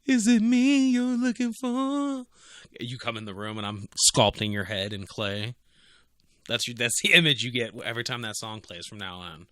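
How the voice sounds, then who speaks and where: A man's voice: fairly low pitch, fairly quick, pushed and bright, no echo, studio quality. A young man co-hosting a casual podcast, joking around, laughing often and swearing. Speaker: podcast co-host. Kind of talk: casual chat.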